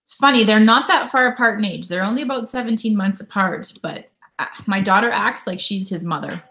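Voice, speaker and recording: Her voice is mid-range, brisk and somewhat bright as this Canadian YouTube host in her thirties chats with viewers from home. On the casual live stream, she reads their comments aloud as she goes.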